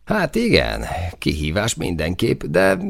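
A man voicing a thoughtful male soldier who explains things calmly. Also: deep voice, creaky, pitched above the performer's own voice, full character voice. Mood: explaining. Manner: explanatory, measured.

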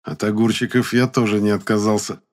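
Deep-voiced male audiobook narrator. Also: steady tone, brisk. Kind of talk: first-person audiobook narration.

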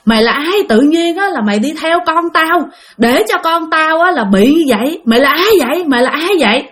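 Woman voicing a furious father, demanding, shouting, higher voice. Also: expressive, a little fast. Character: angry frightened father shouting at a spirit.

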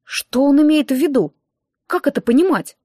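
A woman's voice: high-pitched, expressive, normal speed, dark tone, no room sound, clean studio sound, pitched above the performer's own voice. A woman voicing an anxious eighteen-year-old girl student who asks blunt, demanding questions.

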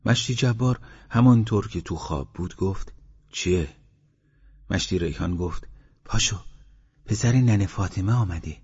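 On a dull, lo-fi recording, a man reads an audiobook of village stories, raising his voice whenever the villagers speak. His tone sits on the low side, slightly mellow and husky.

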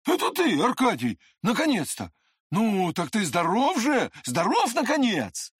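A reader voicing a hot-tempered, effusive young man who talks loudly. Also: mid-range voice, huge pitch swings, a little slow, slightly rough, no room sound, studio quality, voice pushed up, heavily acted. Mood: overjoyed. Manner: loud, shouting.

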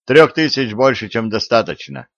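A man's voice: creaky, dry recording, lightly acted. A man playing an eager young schemer. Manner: eager, brisk, pitched up. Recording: dry, dull lo-fi audio.

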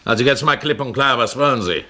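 An actor playing a coarse, hot-tempered pirate captain in a German radio play, blunt and scoffing. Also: male voice, medium pitch, fast talker, bright, forceful tone, lightly acted. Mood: angry, defiant.

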